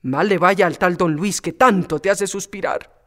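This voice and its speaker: A man's voice: sits high, normal speed, sharp tone. A man reading a storybook aloud and voicing a blunt, motherly older woman who scolds and fusses. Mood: fussing. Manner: scolding, fussing.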